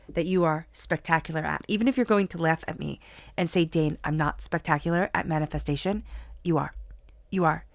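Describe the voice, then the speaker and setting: Despite having a cold, this woman gives a solo tarot reading to camera, first guiding a calming meditation and then offering earnest spiritual encouragement. Her pitch is fairly low, and the recording carries no room sound.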